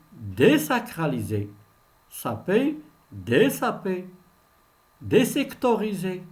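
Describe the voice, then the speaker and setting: Slow, lively French reading teacher. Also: male voice, high voice. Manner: repeats each word twice, explains meanings simply. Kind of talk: slow reading-lesson pronunciation drill.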